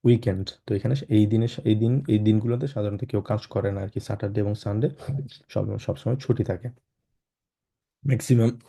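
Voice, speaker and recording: Man, low voice, very dark tone, slightly sick, throat-clearing, patient teacher repeating words. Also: steady tone, brisk. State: unwell, clearing throat often. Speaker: German language teacher. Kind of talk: online class lesson.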